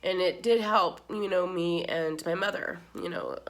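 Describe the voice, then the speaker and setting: Middle-aged woman vlogger, slightly low voice, teary and rambling, heartfelt casual talk. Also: a little slow, fairly bright tone. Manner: rambling, many "you know"s, tearful and heartfelt. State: crying. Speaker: makeup vlogger. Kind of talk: casual chat while doing makeup.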